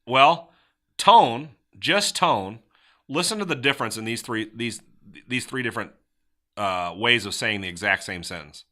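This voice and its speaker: Bright-voiced man hosting a sales podcast. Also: mid-range voice, a little slow. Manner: animated, acts out sample lines with shifting tone. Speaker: podcast host. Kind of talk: casual motivational sales talk.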